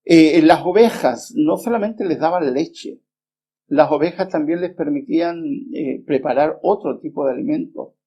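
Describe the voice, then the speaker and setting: Husky, gravelly preacher, middle-aged man. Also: fairly high pitch, mellow. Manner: earnest, unhurried, with frequent pauses and "eh" hesitations. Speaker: preacher and Bible teacher. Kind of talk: sermon with personal storytelling. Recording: dull lo-fi remastered recording.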